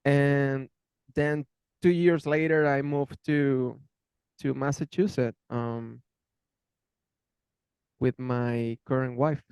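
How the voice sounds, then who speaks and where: A Venezuelan man in his thirties, an interviewee who is also a channel host, answers interview questions in English with a Venezuelan Spanish accent. He is friendly and often repeats words while searching for phrasing. His medium-pitched voice is fairly even, slow, a little mellow and smooth, with frequent pauses and a dry recording.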